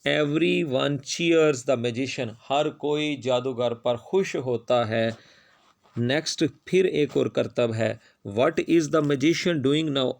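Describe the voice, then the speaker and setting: A male teacher with a Pakistani Urdu accent, reading English lines slowly and then explaining them quickly in Urdu. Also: mid-range voice, gravelly, darkish tone. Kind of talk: classroom reading and translation lesson.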